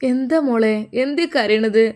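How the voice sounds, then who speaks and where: A concerned, caring storybook mother, as a woman puts her on, soothing her child in a Malappuram Malayalam accent, voice fairly high. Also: a little slow, a little mellow, lightly acted. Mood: worried.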